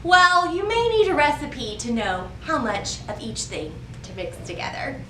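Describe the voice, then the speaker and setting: Leading a library storytime, a woman reads and shares rhymes while asking young children questions and giving prompts. Her voice is on the high side and a little bright. The recording is echoey and roomy, taken from a distant mic with faint background noise.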